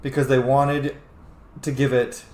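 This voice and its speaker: This male streamer's casual gaming commentary is opinionated and rambling, peppered with lots of swearing. He speaks in a mid-range, slightly mellow voice with flat delivery and a measured pace, captured with roomy echo and faint background noise.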